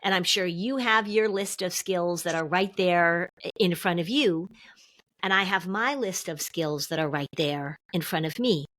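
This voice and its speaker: A middle-aged woman therapist, a guest on a podcast, explaining in an animated way and acting out what her clients say. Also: lowish voice, moderate pace, dry recording. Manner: animated, acts out quotes from clients. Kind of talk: podcast interview.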